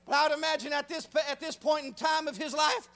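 A preacher man, delivering a folksy sermon that swings from hushed talk to shouting. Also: very high-pitched, steady tone. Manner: fervent, swings from hushed to shouting, drawn-out emphasis; folksy, frequent "uh" fillers.

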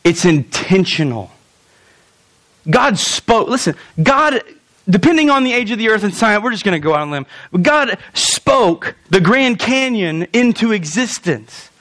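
A man's voice: high voice, sing-song, measured pace, a bit bright. A man preaching a sermon as pastor in a church, telling the story with animation and acting out the scenes.

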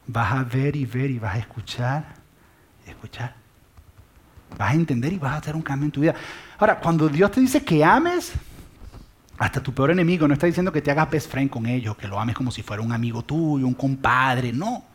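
A man's voice: mid-range voice, animated, fairly quick, breathy edge. A man preaching a sermon, speaking directly to listeners with questions and dropping to a whisper on key words. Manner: mixes English phrases into Spanish.

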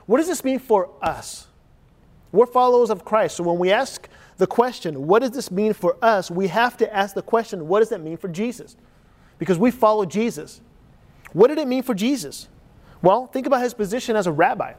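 A pastor in his forties who grew up in Chile preaches in a high voice that echoes as if in a big room. His sermon is earnest and conversational, packed with rhetorical questions.

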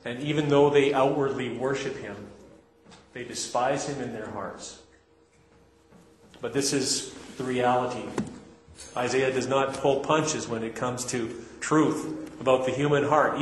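A man preaching an earnest, conversational sermon, reading scripture aloud and explaining it, in a church sanctuary. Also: mid-range voice. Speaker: pastor. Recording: echoey hall with long reverb, faint hiss.

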